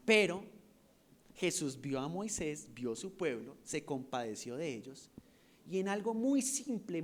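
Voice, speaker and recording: High-pitched male preacher delivering a sermon with questions to the flock. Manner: rhetorical questions, swings from loud to hushed.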